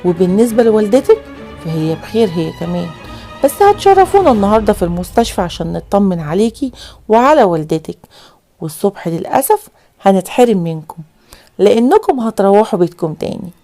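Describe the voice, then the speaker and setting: Lady doing a calm young egyptian doctor, polite, soft dark tone, talks fast. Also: mid-range voice, soft background music. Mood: reassuring. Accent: Egyptian Arabic. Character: calm young male doctor reassuring a patient.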